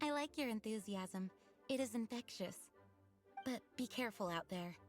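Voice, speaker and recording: A woman playing a courteous, kind female knight commander in a fantasy video game, formal and measured. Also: fairly high pitch, lively intonation, soft background music, natural voice. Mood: warmly encouraging. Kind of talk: video game character acting.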